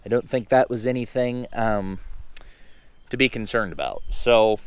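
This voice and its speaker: A man with a slightly hoarse voice, recovering from losing it, gives a casual vlog update in a folksy, halting, unhurried way. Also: mid-range voice, lively intonation, slight background noise. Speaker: truck owner and vlogger.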